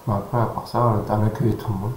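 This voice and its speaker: A man in his thirties from French Guiana, low-voiced, is a guest in a casual interview. He speaks calmly but haltingly, with many pauses and fillers, and the sound is roomy with faint noise.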